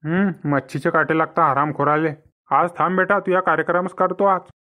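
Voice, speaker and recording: A man's voice: on the high side, fairly even intonation, brisk, sharp tone. A man voicing a scheming older village father-in-law in a cartoon comedy, with a rural Vidarbha Marathi accent and a sly, coaxing manner. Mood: angry.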